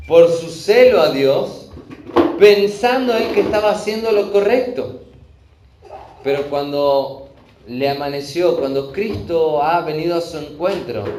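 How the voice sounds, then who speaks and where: A man preaching a verse-by-verse Bible sermon, earnest, often pausing to check in with his listeners. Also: on the high side, a little mellow, slight background noise. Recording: echoey room with faint ambience.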